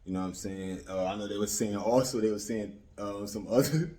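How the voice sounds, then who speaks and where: A brisk American man with a lowish, mellow voice comments casually on YouTube, sharing strong opinions in streetwise slang. He keeps repeating himself for emphasis and making sure his audience is following along.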